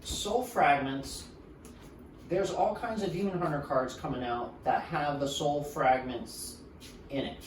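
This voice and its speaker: This podcast co-host is a man whose voice is a little high and whose pace stays measured. In a relaxed chat he explains game cards in detail and laughs a lot, captured by a distant mic in a roomy space with background noise.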